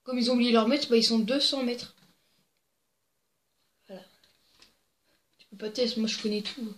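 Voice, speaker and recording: A woman's voice: a little high, fairly even intonation, normal speed, a little hiss or hum. A young woman casually reading jokes to camera, giggly and rambling with crude asides, on a desk microphone. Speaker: joke-telling video host. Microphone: plugged-in desk microphone. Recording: echoey room.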